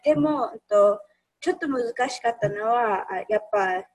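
A woman's voice: a little high, normal speed, low-quality recording. A woman in casual discussion of a film, talking hesitantly with many fillers. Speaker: discussion participant.

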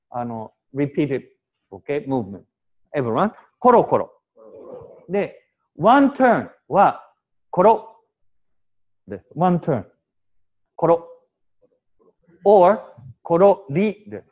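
A man teaching Japanese to a class, explaining with examples and short English glosses in a lively, animated way. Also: on the high side, dull audio.

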